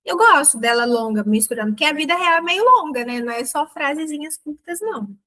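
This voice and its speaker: A woman teaching an English grammar lesson in Portuguese, chatty and often checking that the learner follows. She slows right down to say each example sentence carefully. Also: sits high, animated, sharp tone.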